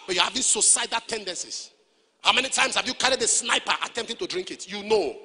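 A pastor preaching a sermon, swinging between shouted peaks and low, quiet asides. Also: male voice, slightly rough. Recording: echoey hall with long reverb.

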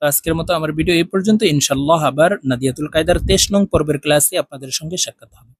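A man teaching Quran reading, spelling out syllables letter by letter and drawing out the joined words in a slow, deliberate drill. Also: fairly high pitch, husky, no echo. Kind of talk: spelling out Arabic syllables slowly, then chanting the words.

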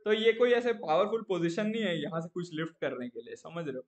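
A young man chatting casually on a live stream, telling an animated story and often checking in with his viewers. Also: fairly high pitch, fast.

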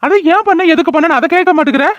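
Cartoon brother, stern and questioning family head, quick talker, slightly dull sound. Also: male voice, very high voice, a bit bright, no echo. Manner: firm, questioning. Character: stern but fair middle-aged brother, family head. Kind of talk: cartoon voice acting.

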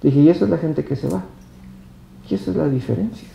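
High-voiced Mexican pastor preaching. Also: male voice, a little fast, vocal fry, warm tone, lo-fi sound, slight background noise. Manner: emphatic preaching, repeats words and addresses the congregation directly. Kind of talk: sermon. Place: church service held in a hotel hall. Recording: echoey hall.

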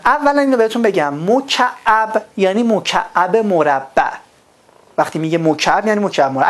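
A woman from Iran teaching a recorded math lesson, explaining patiently and asking the class questions before answering them herself. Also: lowish voice.

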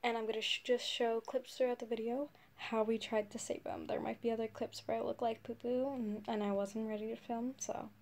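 In a noisy, amateur phone recording, a young teenage girl who vlogs and rescues animals talks casually and tenderly about pets indoors in her living room and bedroom. Her female voice sits on the high side, a little mellow, flat in delivery, a little fast, with few pauses. The phone is held at arm's length or propped nearby.

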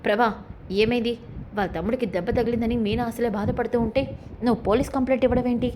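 A stern older father, as a woman narrator reads him scolds his wife reproachfully. The lines come quickly, in a slightly high voice. The reading is barely changed from plain storytelling. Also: fairly even intonation, a little mellow, a little hiss or hum, close to an everyday voice.

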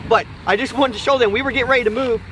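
This American man speaks at an extremely high pitch, racing along with fairly even intonation and a slightly bright tone. He's a father vlogging a family fishing trip at a park pond, chatting casually and folksily to viewers through a handheld phone a few feet away. The audio is poor, full of outdoor noise.

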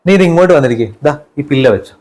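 Very fast-talking young-sounding man. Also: medium pitch, animated, a little mellow. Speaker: son character. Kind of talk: comedy family sketch acting.

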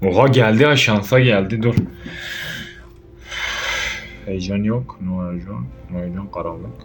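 A young man with a lowish voice narrates his horror game playthrough in a loose, casual way. He is jumpy and swears freely, shouting out when frightened. Faint game music plays underneath. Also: moderate pace. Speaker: gaming YouTuber. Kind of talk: let's play commentary.

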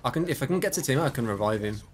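A man's voice: medium pitch, animated, very fast, a crowd in the background. A man chatting easygoingly with a teammate during a game, calling out enemies and laughing often. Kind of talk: casual game chat with callouts.

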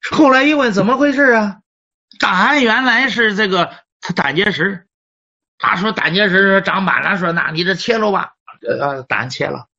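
A man's voice: high voice, normal speed, creaky, pushed and bright. A middle-aged man, a Chinese medicine teacher telling a clinic story in a lecture, often repeating and restarting words. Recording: dull lo-fi recording.

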